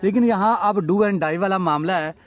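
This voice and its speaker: Excitable high-voiced cricket commentator. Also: male voice, normal speed. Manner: excitable, jokey, mixes English cricket phrases. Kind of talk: live local cricket commentary. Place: outdoor cricket ground. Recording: loud crowd around the mic. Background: crowd.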